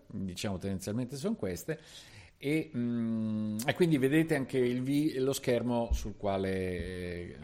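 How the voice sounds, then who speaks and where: A man hosting a tech podcast, chatting casually and thinking aloud as he clicks through software. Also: on the low side.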